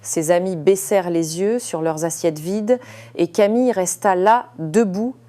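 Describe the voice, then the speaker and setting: A woman's voice: lowish voice, a little slow, warm tone. A woman narrating a dramatic story, hesitating often with fillers between phrases.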